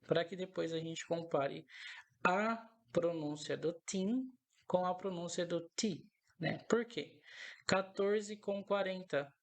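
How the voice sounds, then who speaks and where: A man's voice: high voice, slow pace, vocal fry. A man teaching an English lesson, explaining step by step and patiently repeating each example several times. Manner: explains step by step, often checks in with "né?". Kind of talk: recorded language lesson.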